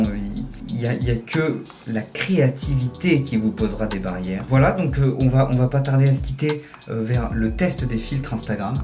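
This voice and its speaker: A man's voice: mid-range voice, dark tone. A man hosting a casual tutorial video, explaining step by step in a chatty, jokey way. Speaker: video host.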